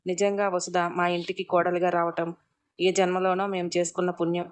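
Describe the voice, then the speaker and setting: A fond, gentle older mother-in-law in a read-aloud family story, voiced by a woman narrator. She speaks low and level, with warmth in her words rather than in big swings of tone. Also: little pitch movement, a little fast, close to an everyday voice. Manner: gentle and affectionate.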